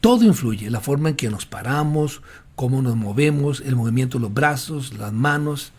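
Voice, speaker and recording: Husky-voiced man coaching pastors on preaching. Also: mid-range voice, expressive, moderate pace, a little mellow. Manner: didactic, gives direct advice with frequent fillers. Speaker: pastor giving a preaching workshop. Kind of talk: instructional lecture to pastors. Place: speaking while drinking water during a talk.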